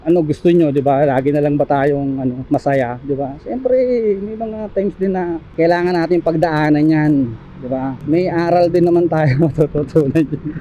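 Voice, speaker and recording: A man from the Philippines chats to his viewers while out on delivery runs. His voice sits high for a man yet sounds very mellow and dark in tone. He keeps laughing, apologizing with a grin and tossing little tag questions into his talk. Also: fairly even intonation, normal speed, lo-fi sound, slight background noise. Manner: apologetic, joking asides. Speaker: delivery rider vlogger. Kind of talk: casual chat to viewers.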